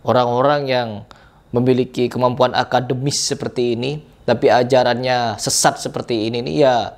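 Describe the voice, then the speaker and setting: A man's voice: mid-range voice, steady tone, moderate pace. A man giving indignant, preachy reaction commentary full of rhetorical questions. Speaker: religious commentator reacting to videos.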